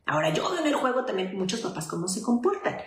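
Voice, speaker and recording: Woman psychologist, mid pitch, chatty advice to parents, echoey room. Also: big pitch swings, fast. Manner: explanatory, conversational, often checks in with listeners. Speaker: child psychologist. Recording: roomy echo.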